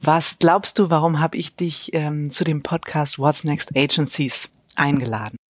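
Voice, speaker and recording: A woman's voice: sits low, steady tone, measured pace, no echo. Podcast host: woman, conversational interviewing delivery, very little room sound.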